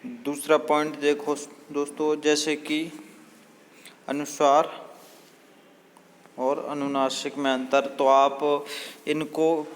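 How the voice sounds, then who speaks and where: A man teaching a grammar lesson, explaining slowly with many fillers and drawing out example words. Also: mid-range voice. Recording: long hall reverb, faint ambient noise.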